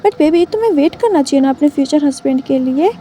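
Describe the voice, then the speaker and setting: Woman reading a gentle reassuring father. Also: high-pitched, lively intonation, a little fast, slight background noise. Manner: gentle, soothing. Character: calm, reassuring husband and father. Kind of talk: storybook read-aloud.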